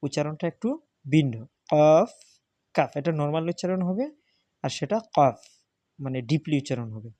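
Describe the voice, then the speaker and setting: A man's voice: a little high, brisk, dark tone, no echo. Man, patient tutor, repeats letter names, dry recording. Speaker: Arabic alphabet teacher. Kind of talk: step-by-step spoken lesson.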